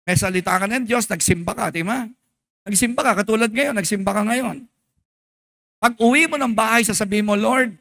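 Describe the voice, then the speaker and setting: Filipino male pastor, high voice, emphatic sermon, mixes English into Tagalog, asks the crowd questions. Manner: emphatic, animated preaching.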